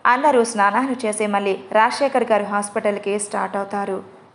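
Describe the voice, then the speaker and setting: A woman telling a long family story in a steady, measured storybook narration. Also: mid-range voice.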